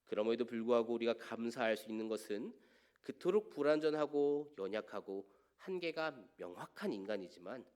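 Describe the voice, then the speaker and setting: A man preaching a sermon as pastor to a young adults' service, asking rhetorical questions and letting his lines fall quiet at the ends. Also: medium pitch. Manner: earnest preaching with rhetorical questions, swelling and dropping to quiet line endings. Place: church sanctuary.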